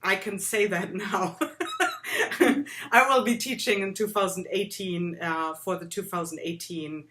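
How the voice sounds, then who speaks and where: A woman's voice: medium pitch, steady tone, unhurried, a bit bright. A woman hosting a casual interview, bubbly and giggly, with lots of ums and likes. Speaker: interview host.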